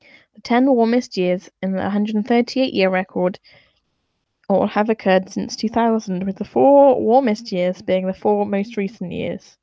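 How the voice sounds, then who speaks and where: A woman's voice: medium pitch, measured pace, warm tone, no room sound, muffled recording. A woman talking to camera in an opinionated vlog, exasperated and sarcastic, swearing freely as she reads out and explains graphs. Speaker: vlogger.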